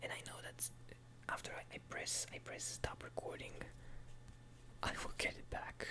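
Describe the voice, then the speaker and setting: A man who is a native Hebrew speaker whispers a casual, hesitant, unhurried ASMR chat in English. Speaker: ASMR video maker. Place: quiet room at home at night.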